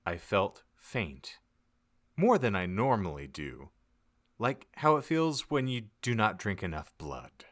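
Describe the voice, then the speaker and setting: A man giving a mock-dramatic, theatrical narration of a comedic audiobook, with deliberate emphasis. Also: lowish voice, very animated, a bit bright. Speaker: podcast narrator.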